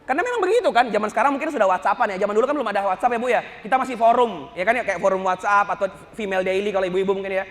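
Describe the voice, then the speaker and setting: A male Islamic preacher giving a humorous lecture, joking and telling stories with animated energy. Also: sits high, very fast, hardly any pauses, big-room sound.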